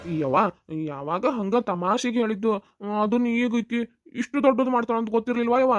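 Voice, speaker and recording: A defensive grown son pleads and grumbles with his mother in a North Karnataka Kannada accent, voiced by a woman. His voice sits a little high. The sound is dull and muffled, and dry. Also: moderate pace, dry recording, faint music behind, close to an everyday voice.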